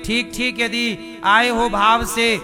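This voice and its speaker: A man's voice: extremely high pitch, level tone, takes it slowly. A man preaching a devotional sermon, often questioning the audience and chanting verses. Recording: live hall with music behind.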